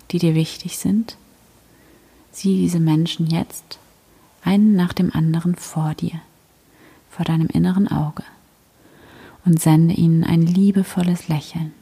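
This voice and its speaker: Slow, whispery, very breathy woman guiding meditation. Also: on the low side. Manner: gentle, soothing, slow. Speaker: meditation and prayer guide. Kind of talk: guided prayer meditation in a soft whisper.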